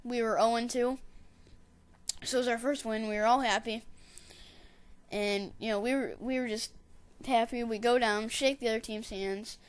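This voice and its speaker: Rambling, excitable high-voiced gamer. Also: female voice, moderate pace, clean tone. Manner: rambling, digressive storyteller; excitable, shouts catchphrases when retelling. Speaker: gameplay commentator. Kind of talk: casual gameplay voice-over.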